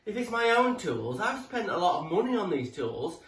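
Speaking to camera from his living room, this British man in his forties rambles through casual tool tips like a friendly tradesman, occasionally swearing mildly. His fairly bright, high voice swings widely in pitch at a moderate pace. The camera sits a few feet away, so the sound is echoey and distant with background noise.

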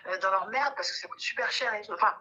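A woman's voice: medium pitch, quick pace, sharp tone, low-quality recording. A woman speaking as a guest, telling her personal story frankly and emphatically, repeating herself and using many fillers.

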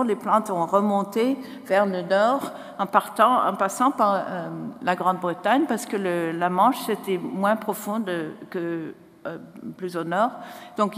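Irish woman speaking foreign-accented French, echoey hall. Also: mid-range voice. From Ireland. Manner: halting, self-correcting. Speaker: botanist giving a conference talk. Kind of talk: conference presentation. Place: large lecture hall, indoors. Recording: echoey auditorium with long reverb.

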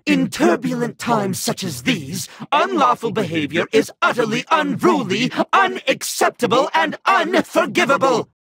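A woman voicing a stern, pompous candy cookie officer in a video game, scolding formally in a husky voice. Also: high voice, sing-song, a little slow, few pauses, fairly bright tone, no echo, full character voice. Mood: indignant. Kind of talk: video game cutscene voice acting.

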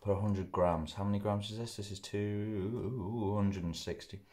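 A young man with a fairly low voice rambles casually through a food review in his living room. He chats close to the camera and often talks with food in his mouth. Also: fairly even intonation, measured pace, darkish tone. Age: young adult. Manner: chatty, rambling, mouth often full while chewing. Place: living room at home, indoors. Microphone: camera close in front.

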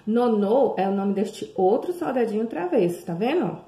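A Brazilian woman teaching young children, drawing words out slowly and sing-song, with many questions to the class. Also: medium pitch, big pitch swings, dark tone. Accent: Brazilian Portuguese. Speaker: primary school teacher. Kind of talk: remote lesson for young children. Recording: echoey room.

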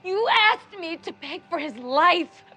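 A woman's voice: very high-pitched, animated, a little slow, bright, forceful tone, full character voice. An actress playing a grieving young woman who takes revenge for her murdered family, speaking coldly and unforgivingly. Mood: tearful. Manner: cold, grief-stricken, unforgiving. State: crying.

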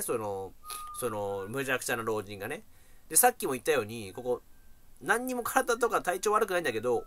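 A man telling a casual story on a live stream, rough and joking, often breaking into laughter. His voice swings widely in pitch and has a bright, forceful edge, sitting a little high for a man. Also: slight background noise.

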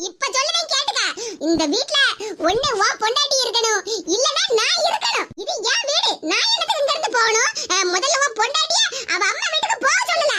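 A sharp-tongued old mother-in-law cartoon figure, scolding and mocking in a Tirunelveli Tamil accent. Her voice sits very high. Loud noise hisses behind the recording. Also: sing-song, fairly quick. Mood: complaining. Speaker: cartoon voice actor.

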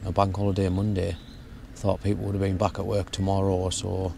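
A young man explaining his fishing setup in a relaxed, step-by-step way while outdoors at a lake. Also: low-pitched, fairly quick, gravelly, slight background noise. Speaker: fishing vlogger. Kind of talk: casual how-to narration. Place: outdoors at a lakeside bank.

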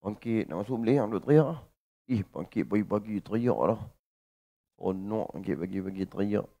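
Brief: Malaysian Malay religious teacher, man, lowish voice, goes from loud fervor to quiet asides. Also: normal speed, gravelly, dull audio. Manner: swings between loud fervent lines and hushed asides. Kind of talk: religious lecture with chanted verses.

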